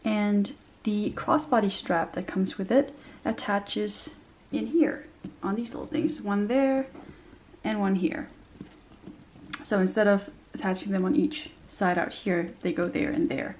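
In a small room with slight background noise, a young woman reviews a handbag casually, talking a little slowly in a mid-range, slightly mellow voice. She's descriptive and chatty, uses many fillers, and still sounds a bit nasal after a cold.

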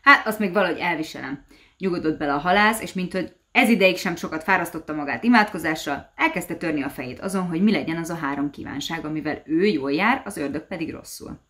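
Low-voiced woman reading a folk tale. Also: hardly any pauses, fairly bright tone. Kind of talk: storybook reading.

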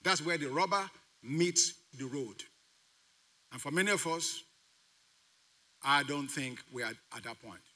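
An unhurried pastor whose bright, forceful voice sits on the high side pauses often while delivering his sermon. He preaches emphatically, repeating key phrases and putting call-and-response questions to the congregation.

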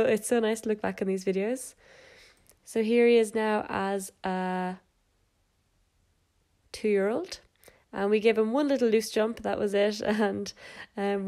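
A young adult woman who vlogs about horses casually narrates videos of her horse while congested with a cold, sounding stuffed up and nasal. Her medium-pitched voice is warm, and she's chatty, with fillers and little laughs.

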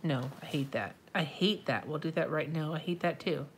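A woman with a low voice talks at normal speed over a slight hiss or hum, her speech stuffy and nasal from congestion. Sitting at a desk indoors, she decorates a planner on a livestream, chatting casually, muttering to herself, answering viewers and swearing now and then.

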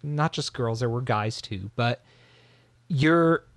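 Male host, casual chat, mid-pitched, dry close sound, rambling. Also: slow pace, no room sound. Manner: animated, rambling, frequent restarts.

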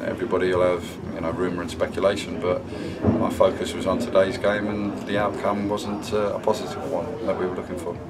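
A middle-aged man, a football manager, answering post-match questions in a measured, subdued way with many pauses. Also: deep voice, level tone, distant mic, very noisy. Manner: measured, subdued, halting with fillers. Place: indoor club room, sponsor wall.

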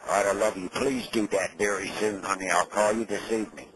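A man's voice: on the low side, fairly even intonation, brisk, fairly bright tone. A man on a recorded jail phone call, speaking urgently and insistently as he gives instructions. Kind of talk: private phone conversation.

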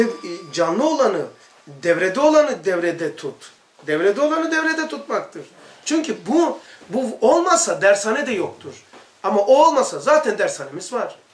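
High-voiced man teaching in an echoey room. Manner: conversational, rhetorical questions, repetitive lists. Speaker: religious study circle teacher. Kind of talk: informal religious lesson. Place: study hall.

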